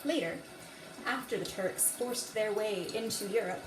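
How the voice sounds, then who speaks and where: A woman's voice: medium pitch, measured pace. Echoey woman reading aloud dramatically. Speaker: host of a dramatic reading series. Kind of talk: dramatic book reading with casual asides. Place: echoey room beside a running faucet. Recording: echoey, distant mic, running tap water noise. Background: running tap water.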